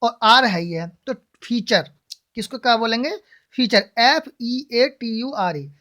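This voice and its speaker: A woman's voice: on the high side, expressive, slow, a bit bright. A woman teaching English pronunciation in a classroom style. She asks questions and answers them herself, and spells words out letter by letter.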